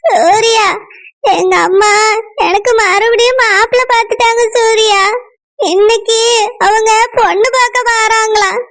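A woman's voice: very high-pitched, steady tone, moderate pace, fairly bright tone. A woman voicing a tearful young college girl in a cartoon, pleading, with a Tirunelveli Tamil accent. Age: young adult. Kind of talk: cartoon voice acting.

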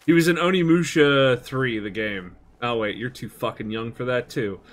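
A man's voice: mid-range voice, moderate pace. A man in his thirties hosting a let's play, joking crudely and rambling as he plays. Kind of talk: casual gameplay chat.

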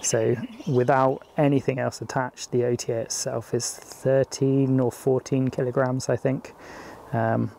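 A British man chats casually outdoors in his garden. His voice is gravelly and mellow, with an even, flat delivery full of hesitant ums. Clear background noise runs under the recording. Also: medium pitch, a little slow. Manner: relaxed, hesitant with frequent ums. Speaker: astrophotography YouTuber. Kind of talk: casual vlog talk to camera.

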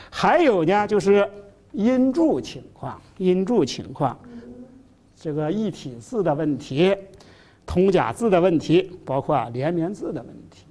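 Medium-pitched and darkish in tone, this middle-aged university lecturer delivers a classroom lecture packed with fillers. Key phrases get repeated and terms stretched out to underline them.

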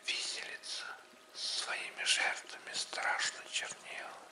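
A man narrates an audiobook entirely in a whisper, close up as if right in your ear. The sound is very bright and crisp-edged in an ASMR style. A roomy echo hangs around the whisper. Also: slow. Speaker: audiobook reader.

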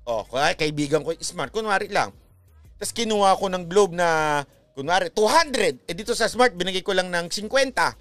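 A man's voice: high-pitched, animated, moderate pace, fairly bright tone, dry recording, soft background music. A man giving casual comic commentary on clips, joking and chatting with his viewers.

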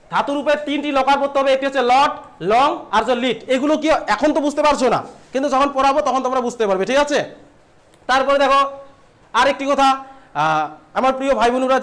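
A young male tutor with a West Bengal accent explains a syllabus at a brisk clip. His voice sits very high for a man. He keeps throwing questions at his students and answering them himself. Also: fairly bright tone. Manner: asks and answers his own questions, repeats "thik ache". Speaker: teacher. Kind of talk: online exam-prep lesson.

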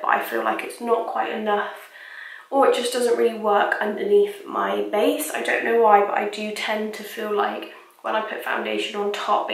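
Chatty young woman, gravelly fry. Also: on the high side, recorded from a distance. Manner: chatty, loose, full of "like" and "kind of". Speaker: beauty vlogger. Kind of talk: casual skincare review chat. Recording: echoey room, mic set back.

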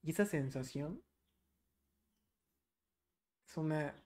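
A young Mexican man co-hosting a podcast, talking casually and swearing freely. He tells his story with animation, in an easy, relaxed chat. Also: fairly high pitch, slow. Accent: Mexican Spanish. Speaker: podcast co-host.

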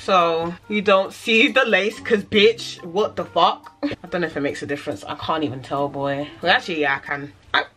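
A woman's voice: lowish voice, normal speed, fairly bright tone, faint music behind. A young woman with a London accent chatting casually in a vlog, slangy and swearing freely. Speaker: vlogger. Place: home kitchen.

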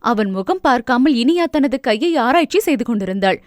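A woman narrating a novel aloud in a steady, expressive reading. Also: fairly high pitch, brisk, no room sound, studio quality. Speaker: audiobook narrator.

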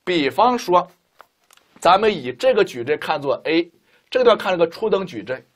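A male math teacher with a high-pitched voice and wide pitch swings delivers a linear algebra lecture at a normal pace. He walks students through each step and keeps posing rhetorical questions.

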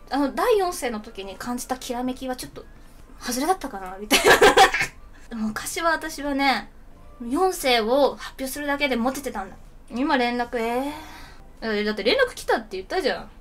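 A woman in her twenties, a streamer telling a story in casual chat, animated and often laughing. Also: high-pitched, normal speed, a little hiss or hum.

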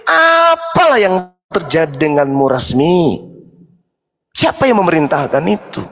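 A man preaching to an audience in a lively, mocking way, acting out voices as he talks. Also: a little high, unhurried, big-room sound. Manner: animated, mocking, acts out voices. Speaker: Islamic preacher.

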